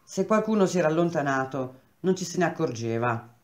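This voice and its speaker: A woman reading a novel aloud in a steady, measured storytelling voice. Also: low voice. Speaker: reader. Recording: roomy echo.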